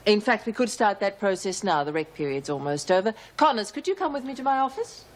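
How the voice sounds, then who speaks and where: Female actor, measured middle-aged governor, formal and composed. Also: mid-range voice, very animated, lightly acted, rough recording. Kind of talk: 1980s television drama acting.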